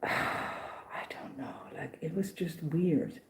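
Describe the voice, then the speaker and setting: A woman recounting her pilgrimage day in a casual, animated vlog, with many restarts and acted-out voices. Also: low voice, slow, gravelly, roomy sound, slight background noise, poor audio. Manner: animated, acts out others' voices, restarts often. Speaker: pilgrim vlogger.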